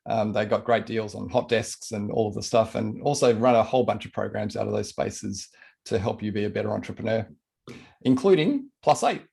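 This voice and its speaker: A man's voice: fairly low pitch, brisk, creaky, darkish tone. A man speaking casually and colloquially as host of an online meetup, giving announcements and sponsor plugs. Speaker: event host. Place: online video call.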